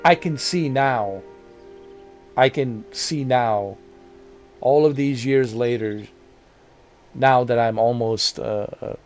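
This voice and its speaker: Soft music plays behind a man in his forties who hosts a gaming channel and chats to his viewers. His medium-pitched voice has a darkish tone and a slow pace with long pauses, and he rambles, repeats himself and leans on fillers.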